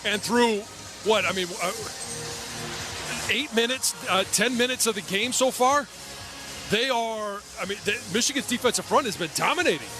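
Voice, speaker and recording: A man's voice: sits high, moderate pace, music in the background. A man giving conversational color analysis during live football commentary.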